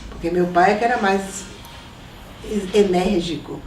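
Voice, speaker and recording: An older woman from Salvador, Brazil, unhurriedly reminisces about her family during an oral history interview, letting out soft laughs now and then. Her voice is medium-pitched and sounds distant and off mic, in an echoey room with faint background noise.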